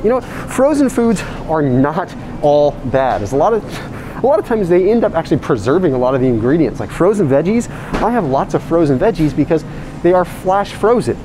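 A man talking through a face mask, casually reviewing frozen food in a supermarket aisle, animated and quick with asides. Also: on the high side, over music. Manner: animated, reads out ingredient lists with quick asides. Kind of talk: casual walkthrough vlog. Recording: noisy store background.

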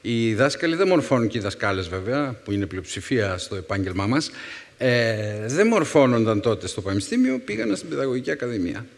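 A man in his fifties, a teacher, telling wry personal stories with thoughtful pauses to a young audience. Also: mid-range voice, big pitch swings, gravelly. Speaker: secondary school philology teacher and speaker. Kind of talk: storytelling talk to a young audience. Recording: reverberant hall.

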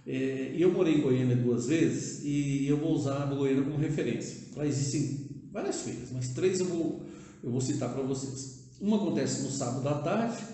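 A man's voice: mid-range voice, moderate pace, mellow. An older Brazilian man seated at a table speaks casually to the camera, proposing a local project with many "né?" tags and hesitant restarts. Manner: conversational, with frequent "né?" tags and hesitations. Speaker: vlogger proposing a civic project. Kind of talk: casual direct-to-camera talk. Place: indoor room, seated at a table. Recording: echoey room.

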